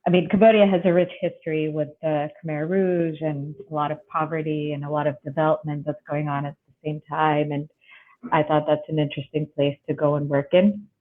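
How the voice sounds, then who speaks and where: A woman from Bangladesh, born in Russia, talks through her story as a podcast guest, relaxed and reflective. Her voice stays quite flat in pitch. It comes over a tinny, phone-like line. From born in Russia, raised in Bangladesh. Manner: relaxed, reflective, with fillers and light laughs. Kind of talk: casual interview conversation.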